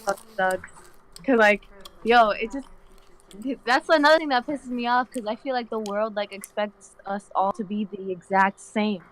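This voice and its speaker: A woman's voice: medium pitch, normal speed, fairly bright tone, low-quality recording. A nineteen-year-old woman from the Dominican Republic, chatting as a guest on a live stream in a slangy, rambling way full of "like". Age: young adult, 19. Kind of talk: casual chat on a live stream.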